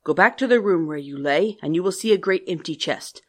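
A woman voicing a fearsome, proud male beast in a storybook reading, speaking loudly and sternly. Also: fairly low pitch, lively intonation, fairly quick. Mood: commanding. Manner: loud, stern and commanding.

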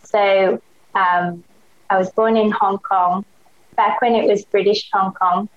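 Taking it slowly, a young Australian woman speaks with medium pitch and fairly even intonation. Her casual podcast-guest chat is enthusiastic, slangy and heavy on "like," captured in dull lo-fi sound.

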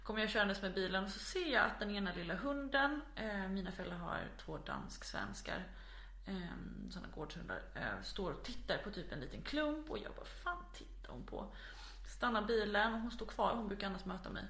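Lively chatty woman in an echoey room. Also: medium pitch. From Småland, Sweden. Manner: lively storyteller, acts out quotes loudly. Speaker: guest. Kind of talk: casual podcast chat.

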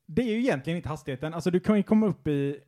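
A man's voice: fairly high pitch, lively intonation, mellow. A man co-hosting a casual chat, mostly listening and adding short reactions and comments. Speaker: podcast co-host.

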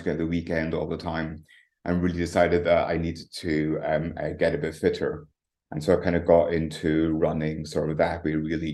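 A middle-aged man with a Scottish Highland accent talks casually in an interview. His voice is low and mellow, and he hedges his way through sentences conversationally. The sound is roomy and echoey. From Highlands of Scotland. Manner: informal, hedging, conversational. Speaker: interview guest, retired professor.

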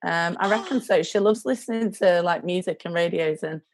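A woman's voice: on the low side, fairly quick, no echo. A young woman with a British accent, chatting casually as a podcast guest about her own experiences. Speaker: charity worker, podcast guest. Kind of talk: casual chat.

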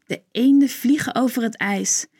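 A woman narrating a children's story in a gentle, clear storytelling manner. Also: a little high, moderate pace.

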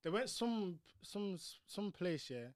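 Slangy, higher-voiced young London man telling stories. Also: slow pace. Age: young adult. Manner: slangy, animated laddish storytelling, swearing, peppered with bro and fam. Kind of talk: casual banter and storytelling among friends.

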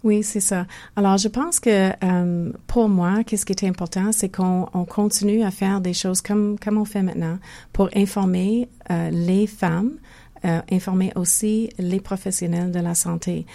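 A woman's voice: medium pitch, steady tone, measured pace, vocal fry, dark tone. An older woman with a Québécois French accent, a physiotherapist speaking as a guest in a conversational interview, thoughtful and often restarting her sentences. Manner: thoughtful, many restarts and hesitations.

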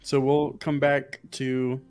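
A man with a medium-pitched voice runs a tabletop game as its game master. He narrates scenes and rules in an easy, casual style, with faint music playing behind him. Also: monotone, takes it slowly, a little mellow, clean tone.

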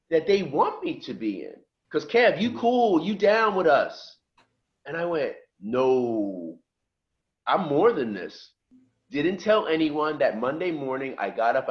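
Lo-fi sound carries the medium-pitched voice of a middle-aged man from just outside Philadelphia. As a podcast guest, he tells his life story in easygoing chat, bringing it to life by acting out the voices of the people involved.

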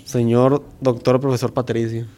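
A young man with a Mexican accent jumps into a friend's story with quick, teasing jabs. His slangy, joking remarks keep the chat loose. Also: mid-range voice, little pitch movement, dark tone. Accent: Mexican Spanish. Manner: teasing, cuts in with jokes. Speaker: podcast co-host. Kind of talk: casual chat.

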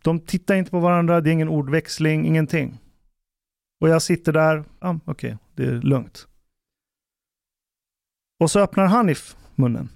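Animated man with a smooth, bright voice. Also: a little high, long pauses, dry recording, studio quality. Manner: animated storyteller acting out quotes. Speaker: podcast host. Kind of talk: casual storytelling chat.

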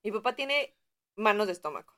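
A woman's voice: mid-range voice, expressive, a little fast, bright, forceful tone. A young woman with a Mexican accent co-hosting a podcast, telling stories animatedly, acting out quotes and laughing often. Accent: Mexican Spanish. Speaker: podcast co-host. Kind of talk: casual chat.

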